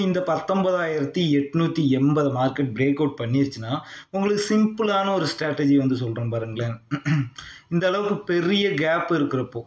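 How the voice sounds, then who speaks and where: Man, Tamil accent, trading lesson voice-over, explanatory, reads out price figures, checks in with the listener, echoey room, muffled sound. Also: on the high side. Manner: reads out long price figures in a steady list. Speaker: stock market trading teacher. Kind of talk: screen-recorded chart lesson. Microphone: voice-over on a screen recording.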